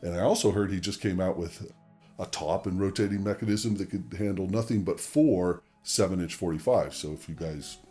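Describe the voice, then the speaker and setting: The host of a record-cleaning tutorial channel, a man with a very deep voice, walks the viewer through each option step by step in a conversational, methodical way. He speaks at a moderate pace with a warm tone, over soft background music.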